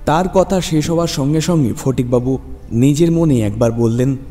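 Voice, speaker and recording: Warm in tone and mid-range, this man's voice proceeds at a normal speed as he dramatically narrates a scripted horror tale for radio. There is background music, with long reverb trailing over it.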